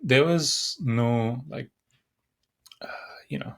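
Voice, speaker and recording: A man's voice: medium pitch, slow, vocal fry, a bit bright. A young man from Nepal hosting a solo podcast, talking casually and rambling with many fillers and restarts. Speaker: podcast host.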